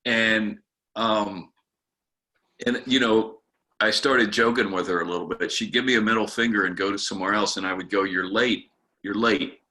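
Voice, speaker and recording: A man with a low-ish but bright, forceful voice leads a workshop over a video call. He talks like a pastor swapping stories, candid and a little snarky, easing from anecdote into teaching. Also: steady tone, moderate pace. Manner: candid storyteller, a bit snarky. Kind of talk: conversational workshop talk with stories.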